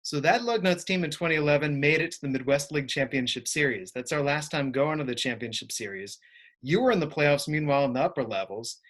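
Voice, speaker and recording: A man interviewing a guest for a baseball team, asking clear, upbeat questions. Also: a little high, animated, fast, a bit bright.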